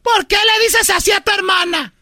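A woman playing a loud, scolding mother of three in a radio comedy sketch, yelling and cursing at her kids. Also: extremely high pitch, moderate pace, no room sound, clean studio sound, full character voice. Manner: yelling, cursing, tearful rants.

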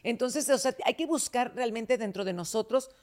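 A woman's voice: a little high, moderate pace, darkish tone. A woman with a Mexican accent chatting casually, sharing a personal anecdote with sincerity. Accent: Mexican Spanish. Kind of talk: casual chat.

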